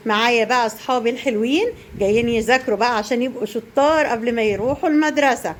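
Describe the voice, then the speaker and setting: A young woman teacher, Egyptian Arabic accent, fires off words rapidly in a slightly high voice, quizzing and praising small children encouragingly while explaining to parents. A faint hiss or hum runs underneath.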